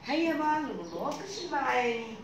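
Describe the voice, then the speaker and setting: High, lively woman teaching young children. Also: a little fast. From Egypt. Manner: warm didactic tone, addresses the children as dear ones. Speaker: primary school teacher. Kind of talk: reading a story and explaining vocabulary and grammar to young children. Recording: echoey room, distant mic, background noise.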